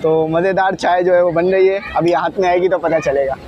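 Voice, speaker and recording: A young man with a Pakistani Urdu accent vlogs casually while standing on a station platform. His fairly high voice keeps calling his viewers brother and fills the gaps with loose fillers. He is recorded on a small lapel mic, with faint station noise behind him. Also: steady tone, fairly quick, lo-fi sound. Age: young adult. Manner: chatty, addresses viewers as "bhai" often, frequent fillers. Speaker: vlogger. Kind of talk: casual vlog to camera. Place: outdoor railway station platform.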